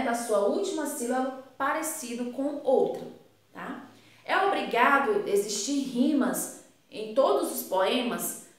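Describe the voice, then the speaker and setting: Brazilian female teacher, patient and repetitive, heavy room echo. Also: high-pitched. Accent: Brazilian Portuguese. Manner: patient, repetitive, checks understanding with "tá?" and "né?". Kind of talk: recorded classroom lesson explanation. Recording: very echoey room, voice from a distance.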